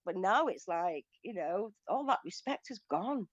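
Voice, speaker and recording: A Greek woman with a British accent chats as a guest speaker in a casual online audio room, often laughing and restarting her sentences. Her voice is medium-pitched with lively intonation and a slightly slow pace, recorded lo-fi with no echo.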